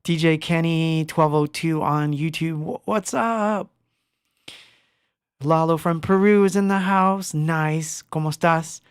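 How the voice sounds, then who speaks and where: A man's voice: a little high, takes it slowly, clear, resonant tone, dry recording, clean studio sound. A middle-aged man from Argentina hosting a casual livestream, rambling, greeting chat viewers by name and laughing often. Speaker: livestream host. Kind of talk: casual live-stream chat. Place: home studio.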